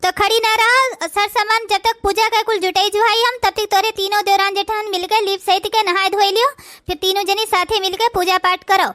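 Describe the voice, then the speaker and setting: A woman's voice: very high-pitched, fairly even intonation, normal speed, few pauses, a bit bright, no room sound, studio quality. A woman voicing a grumbling, suspicious old mother-in-law in a cartoon, speaking with an Awadhi accent. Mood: bossy. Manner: whiny, complaining, gossiping to the audience. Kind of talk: comic cartoon dialogue.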